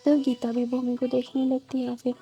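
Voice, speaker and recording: A woman storyteller reading a serialized romance story aloud, steady and conversational. Her voice is high-pitched yet mellow and dark in tone. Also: moderate pace, husky.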